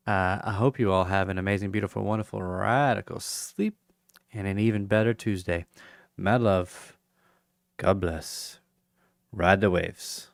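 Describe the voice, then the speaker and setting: Fatigue shows as a man closes out his crypto livestream with casual, halting talk full of ums and the occasional yawn. His fairly low, gravelly voice is getting slightly hoarse, and the sound is dry and close with no echo.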